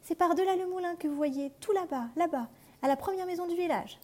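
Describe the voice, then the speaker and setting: A woman voicing a young, innocent village girl in a storybook reading, with a high, sweet voice. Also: fairly quick, darkish tone.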